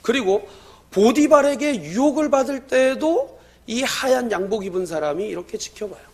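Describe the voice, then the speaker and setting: High-voiced Korean pastor preaching. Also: male voice, expressive, normal speed. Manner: storytelling, swings between loud exclamations and hushed lines. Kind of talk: sermon.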